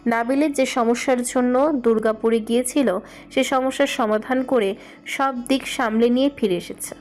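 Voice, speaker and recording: A woman narrating a love story at a steady storytelling pace. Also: fairly high pitch.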